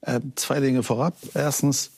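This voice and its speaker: A man's voice: mid-range voice, fairly even intonation, unhurried, darkish tone, slightly rough, dry recording, studio quality. Hesitant male political guest. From Iran. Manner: hesitant, many fillers, structured points. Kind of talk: talk show debate.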